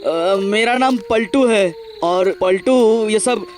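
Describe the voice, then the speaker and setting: A man's voice: high voice, slow. A man voicing a jumpy, cowardly young cartoon character who stammers in panic. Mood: scared.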